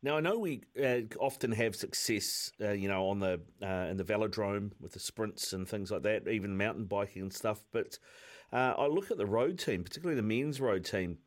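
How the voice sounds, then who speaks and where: A man's voice: fairly low pitch, animated, moderate pace. A man with a New Zealand accent hosting a casual sports interview, matey and rambling in his questions. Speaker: radio sports host.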